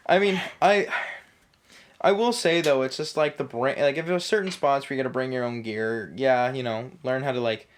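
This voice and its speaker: A young male podcast host in easy conversation. He tells stories with energy and slips into quick voices for the people he quotes. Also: mid-range voice. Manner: animated storyteller, acts out quoted dialogue. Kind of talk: casual chat.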